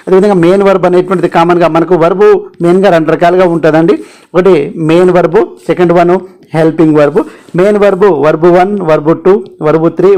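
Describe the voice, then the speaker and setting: Guy teaching grammar for exam prep, telugu accent, talks super fast and a bit high, keeps repeating stuff. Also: darkish tone. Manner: fast, emphatic, repeats key terms. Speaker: English teacher for exam aspirants.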